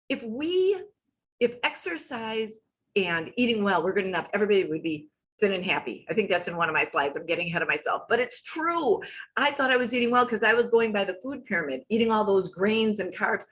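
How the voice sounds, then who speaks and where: A woman in her sixties talks through her slides as a wellness coach. She is chatty and loose, drifting off on tangents and reining herself back in. Her voice sits at an ordinary middle pitch. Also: lively intonation, normal speed, a bit bright, low-quality recording. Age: 60s. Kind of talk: casual presentation over slides.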